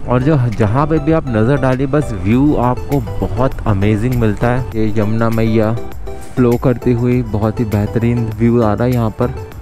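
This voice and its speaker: Chatty man vlogging from a motorbike. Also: medium pitch. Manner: chatty, addresses viewers directly as friends. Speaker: travel vlogger. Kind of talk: casual travel vlog narration. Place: outdoors on a mountain road, riding a motorbike. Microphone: action camera on the bike and held at arm's length.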